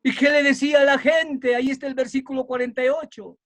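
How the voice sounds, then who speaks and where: A man preaching a sermon in an emphatic way, building up to fervent shouting. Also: very high-pitched, level tone, fast talker.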